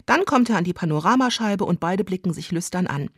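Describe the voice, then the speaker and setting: A woman's voice: fairly low pitch, lively intonation, brisk, breathy edge, no room sound. A woman comedian telling a comic story in a dry, matter-of-fact way.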